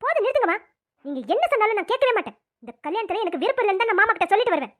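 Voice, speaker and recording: A woman's voice: very high voice, very animated, rapid-fire. A woman voicing a stubborn young woman in a cartoon, firm and pleading by turns. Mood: defiant. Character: defiant young woman, stubborn about marriage. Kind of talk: cartoon voice acting.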